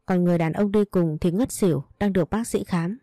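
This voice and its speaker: A woman reads out a brisk, polite hospital nurse in a spoken story. The voice is low and mellow with dry, close sound. She talks plainly and gets to the point. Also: dry recording, close to an everyday voice. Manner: brisk and matter-of-fact.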